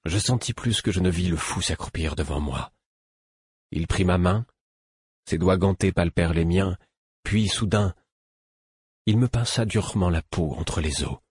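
Narrateur de livre audio, voix d'homme très grave et voilée, enregistrement sec et proche. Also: male voice, sits low, a little slow, pauses often, slightly rough, no echo. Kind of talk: first-person novel narration.

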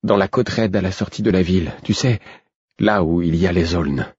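A frightened young servant woman, as a male reader puts her on, breathless and fearful, her husky voice climbing higher as she speaks. The recording is slightly dull and close. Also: normal speed, darkish tone, no echo.

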